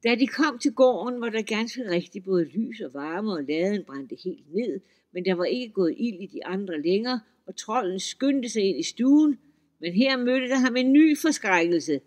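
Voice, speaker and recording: A man reading a folk tale aloud in a lively, expressive storytelling manner. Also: sits high.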